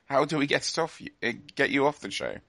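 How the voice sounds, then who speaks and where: A man's voice: mid-range voice, animated, fast, sharp tone, dry recording, clean studio sound. Man hosting a podcast, hesitant. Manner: hesitant, filler-heavy. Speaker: podcast host. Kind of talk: casual chat.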